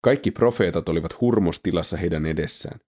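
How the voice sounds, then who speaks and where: Male narrator, very low voice, measured scripted scripture reading. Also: darkish tone.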